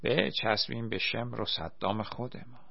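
A man's voice: medium pitch, fairly even intonation, creaky, breathy edge, dry recording, highs cut off. A man doing a clumsy, dramatic young soldier. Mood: wry. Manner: slow, drawn-out exclamations. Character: clumsy, dramatic young male volunteer actor.

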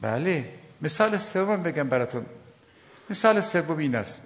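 A male preacher delivering an emphatic sermon, calling out to his listeners and slowing down to recite Arabic before translating it. His voice is gravelly and swings widely in pitch, sitting a little high for a man. It rings out with the long reverb of a hall. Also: very animated. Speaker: Shia preacher.

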